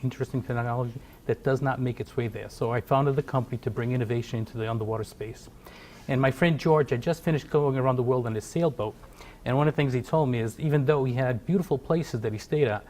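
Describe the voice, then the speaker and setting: A man's voice: medium pitch, darkish tone. A middle-aged man from Portugal, a company founder, speaking in a TV business interview with many fillers and restarts. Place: TV studio.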